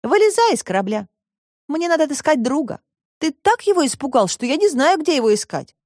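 A woman voicing a brave, kind young girl in an audiobook, speaking high and earnestly. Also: very animated, fairly quick, darkish tone, dry recording, studio quality.

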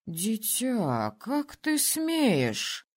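A woman's voice: fairly high pitch, huge pitch swings, extremely slow, exaggerated voice. Woman doing an ancient, condescending male keeper. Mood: calm. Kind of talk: audiobook character voicing.

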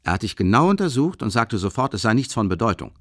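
A man voicing a boisterous young male student in an audiobook, booming and exclaiming. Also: very animated, fast, dry recording, studio quality, close to an everyday voice. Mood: hearty, boisterous. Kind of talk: audiobook character reading.

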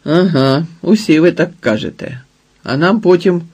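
A man's voice: a little high, normal speed, darkish tone, breathy edge, voice pushed up. A man voicing a sly, greedy older male smuggler who haggles and asks predatory questions, in an audiobook. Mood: suspicious.

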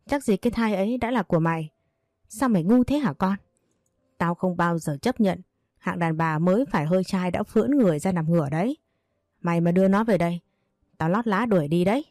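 Woman doing a bossy scolding old mother, rapid sharp nagging, low dark voice, dry close sound, audiobook reading. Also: no echo, natural voice. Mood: furious. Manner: scolding, fast and sharp-tongued. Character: domineering older mother, scolding and bitter.

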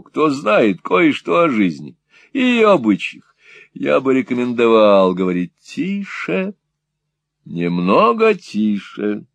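A man's voice: lowish voice, gravelly, dry recording, heavily acted. A man voicing a hard-hearted moneylender in his sixties, curt, cold and scornful, in a dry close recording. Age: 60s.

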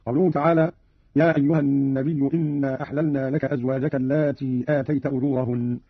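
A man's voice: medium pitch, flat delivery, quick pace, no echo. A man giving scripted radio commentary, explaining recitation variants and briefly chanting the verses he quotes. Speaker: radio presenter explaining readings. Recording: dull dry radio archive.

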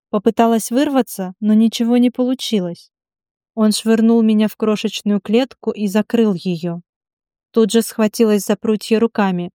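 A woman reading a novel in the first person as an audiobook, steady and even. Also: medium pitch, dry recording, clean studio sound. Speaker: audiobook narrator.

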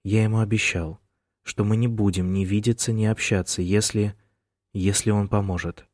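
A quiet, tearful young student speaks softly over the phone, as a man reads him. The voice is low and the sound dry and close, in a storybook reading. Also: fairly even intonation, moderate pace, no room sound, lightly acted.

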